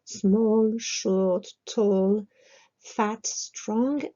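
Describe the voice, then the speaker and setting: A woman giving a language lesson, pronouncing each word slowly and carefully and asking the listener to repeat. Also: mid-range voice, fairly even intonation, mellow. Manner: slow, careful pronunciation with repetition prompts. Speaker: English teacher. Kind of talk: slow, deliberate language lesson. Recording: dull lo-fi recording.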